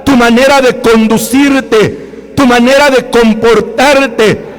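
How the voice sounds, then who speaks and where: A man with a Guatemalan Spanish accent preaching a sermon in a church hall, emphatic and repetitive, often calling out to the brothers and sisters. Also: extremely high pitch. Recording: long hall reverb.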